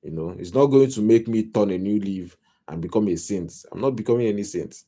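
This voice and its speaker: A little fast and lowish, his dark voice carries a Nigerian accent. At home on a casual live stream, he talks as a life coach, rambling, repeating lines, and keeping a wry humor throughout.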